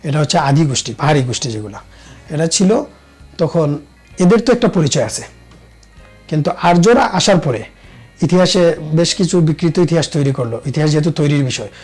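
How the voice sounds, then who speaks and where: A man, a poet and researcher, speaking thoughtfully in an interview and letting his phrases trail off softly. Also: on the high side, lively intonation, fairly quick, pauses often, slightly rough, faint music behind. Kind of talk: reflective interview talk.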